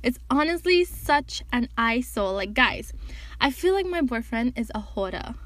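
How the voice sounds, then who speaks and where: A young woman hosts her own podcast in a loose, chatty way, teasing and bossing her listeners with a laugh. Her voice sits high, and the sound is close and dry with no room echo. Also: animated, measured pace, a bit bright. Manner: chatty, joking and bossy. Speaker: podcast host. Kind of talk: casual solo podcast talk.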